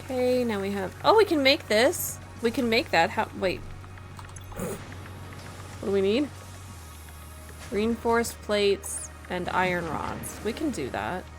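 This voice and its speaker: A woman streamer giving casual gameplay commentary, excitable, thinking aloud and laughing often. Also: medium pitch, slow pace, pauses often, low-quality recording. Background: game music.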